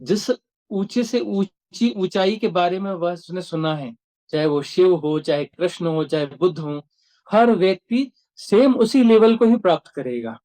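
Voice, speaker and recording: A man's voice: high-pitched, a little slow, mellow. A man, giving a reflective spiritual discourse as a teacher and repeating phrases for emphasis.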